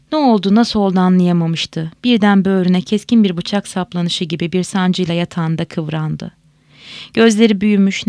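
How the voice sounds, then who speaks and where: A woman reads a novel aloud at a measured, expressive pace. Her mid-pitched voice carries a gravelly fry. The recording is dry and close with no room sound. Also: no echo. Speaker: audiobook reader.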